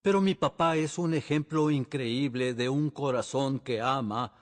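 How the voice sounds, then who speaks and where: A man's voice: mid-range voice, unhurried, big-room sound. A male pastor preaching earnestly, often asking the congregation rhetorical questions. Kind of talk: sermon. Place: church sanctuary.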